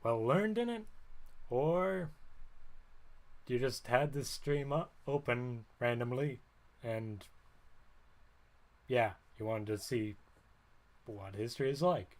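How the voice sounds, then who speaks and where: A man's voice: mid-range voice, expressive, slow, pauses often. A man streaming, talking in a rambling, wry way and often stopping to correct himself mid-sentence. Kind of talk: casual livestream monologue.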